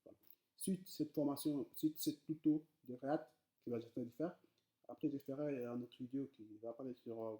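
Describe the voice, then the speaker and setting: Over some background noise, a man with a medium-pitched, steady voice teaches coding at a moderate pace. Not a native French speaker, he addresses his viewers informally, hesitating and relying on many fillers and repeated words.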